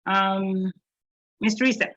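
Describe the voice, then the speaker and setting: A woman's voice: mid-range voice, fairly even intonation, takes it slowly, a bit bright. A woman hosting a video call meeting, calling on members by name and encouraging them. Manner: calls on people by name, encouraging. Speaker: meeting host. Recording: dull lo-fi call audio.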